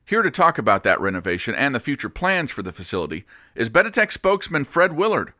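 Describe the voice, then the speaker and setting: A man playing an earnest, polished public-radio news host in a post-apocalyptic comedy, with deadpan delivery. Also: mid-range voice, quick pace, no echo, studio quality.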